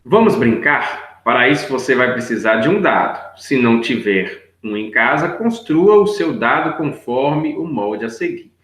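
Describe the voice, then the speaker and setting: This man's mid-range voice is a bit bright and sing-song, and he takes his time while barely pausing. As a teacher, he patiently goes through worksheet answers step by step for young kids, often asking "right?" or saying "look here," and the room around him echoes.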